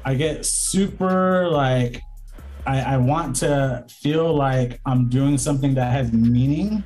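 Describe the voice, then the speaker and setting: A man's voice: mid-range voice, slow pace, darkish tone, soft background music, poor audio. Reflective man with many fillers. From Southern California. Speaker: guest, lawyer and entrepreneur. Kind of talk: casual interview conversation.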